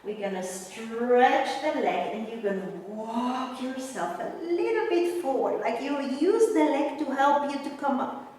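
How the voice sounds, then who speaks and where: A woman working as a Pilates instructor, guiding a mat class with step-by-step cues and counts in a gentle, encouraging manner. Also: high voice, expressive, measured pace, a little hiss or hum. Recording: very echoey, reverberant room, distant mic.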